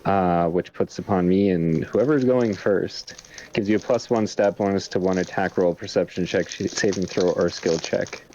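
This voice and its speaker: A man's voice: low-pitched, normal speed, mellow, lo-fi sound, a little hiss or hum. A man playing in a tabletop game, talking casually and thinking aloud. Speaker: player.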